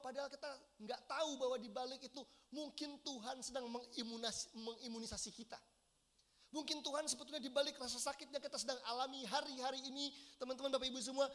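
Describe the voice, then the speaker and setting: A man's voice: very high-pitched, fairly bright tone. A man in his thirties preaching a sermon as pastor, earnest and addressing the congregation directly with questions. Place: large church hall.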